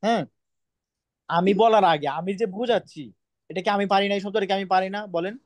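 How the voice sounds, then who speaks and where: Stern teacher drilling pupils. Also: male voice, high voice, fairly even intonation, brisk, dry recording. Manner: stern, repetitive, scolding. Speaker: Quran reading teacher. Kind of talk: online class lesson, drilling letter sounds.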